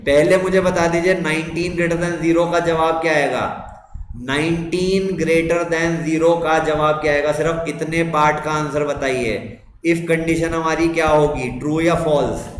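A man's voice: fairly high pitch, fairly even intonation, unhurried. A young man with an Indian English accent teaching a live online computer class, repeating questions and praising students' answers. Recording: echoey room with faint noise.

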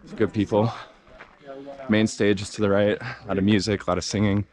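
A man's voice: on the low side, little pitch movement, brisk, a little mellow. A young man talking casually as a hiking vlogger, laid-back and rambling with lots of fillers, recorded outdoors on an arm's-length camera. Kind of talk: casual walking vlog. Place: outdoors at a desert festival campground. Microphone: action camera held at arm's length.

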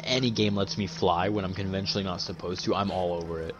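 Deep-voiced excitable man gaming. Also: fast talker, highs cut off. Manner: excitable, joking. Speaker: gaming co-host. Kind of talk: casual co-op gameplay chat.

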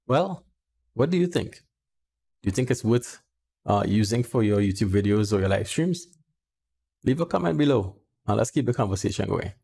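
A plain-spoken channel host with a creaky, slightly mellow, breathy mid-range voice talks straight to viewers in a casual tech demo. He uses a headset boom mic in a small home room, and faint birdsong can be heard.

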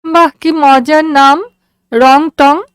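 A woman voicing a sweet, playful, feverish seventeen-year-old girl in a high, childlike, drawn-out voice. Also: fairly even intonation, dry recording, studio quality.

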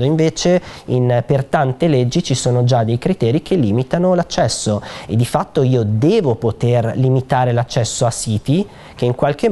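Mellow-voiced man explaining a bill to an audience. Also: mid-range voice. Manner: conversational, with frequent "eh" fillers and restarts. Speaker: speaker presenting a bill at a public conference. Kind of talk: explanatory public talk. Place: theater hall.

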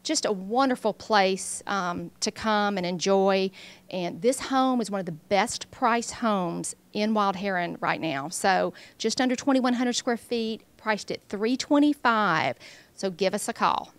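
A woman's voice: medium pitch, measured pace. A woman real estate agent narrating a property tour, informally listing features.

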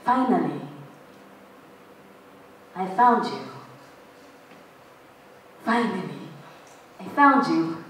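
A young adult woman performing spoken word poetry on stage, with a slow, dramatic delivery that breaks into shouted outbursts. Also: medium pitch, animated, slight background noise. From Philippines. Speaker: performance poet. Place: stage in a large hall. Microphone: stand mic, filmed from a distant camera. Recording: echoey hall from far off.

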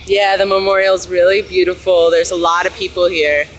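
A woman's voice: fairly low pitch, little pitch movement, normal speed, highs cut off. An American woman doing a casual live interview and commentary outdoors as a citizen journalist. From United States, Los Angeles. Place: outdoors at night by a busy street memorial. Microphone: handheld phone, behind the camera.

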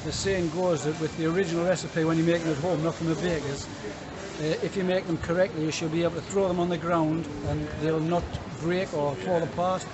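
A man's voice: fairly high pitch, steady tone, brisk. A man, explaining local slang and baking in an easygoing way. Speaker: local friend explaining food. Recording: noisy outdoor street recording.

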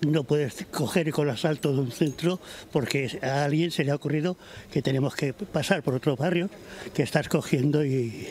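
A man's voice: on the high side, moderate pace, a little mellow. An older man interviewed on a town street who speaks bluntly and critically. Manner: blunt, critical, plain-spoken. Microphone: handheld reporter mic.

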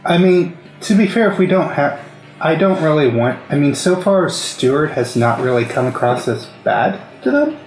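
A man's voice: a little high, very animated, normal speed. A man chatting through a tabletop game in a hesitant, casual way. He keeps hedging with "I mean" and "um". His voice rings in a roomy, echoey space with faint music underneath. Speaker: player.

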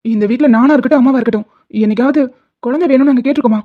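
A protective young husband, voiced by a woman, fires off fast, scolding outbursts in an animated love drama. The voice sits a little high. The audio is dull and lo-fi.

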